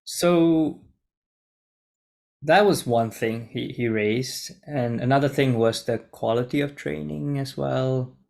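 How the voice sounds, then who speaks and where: Slow and somewhat mellow, a gravelly mid-range voice belongs to a Singaporean junior doctor in his twenties reading a script casually to camera. Frequent hesitations and restarts mark his delivery, picked up by a laptop mic on a video call from his room.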